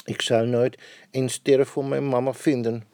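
A man's voice: mid-range voice, measured pace, no echo, close to an everyday voice. A man reading aloud, voicing an eager, earnest little male bear cub in a children's storybook. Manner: earnest, wishful, excited.

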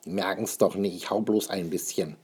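A man reading aloud and voicing an eager, excited little boy who chatters and pleads. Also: deep voice, normal speed, slightly rough.

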